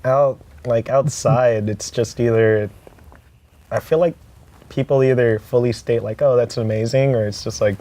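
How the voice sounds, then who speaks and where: A man's voice: mid-range voice, fairly even intonation, moderate pace, mellow. Young man in loose casual chat. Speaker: panel guest. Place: college TV studio.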